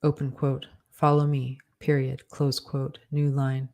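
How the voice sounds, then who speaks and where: A writer dictating a story aloud, saying each punctuation mark and correction in a measured, even way. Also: mid-range voice. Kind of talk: dictating fiction aloud with spoken punctuation commands.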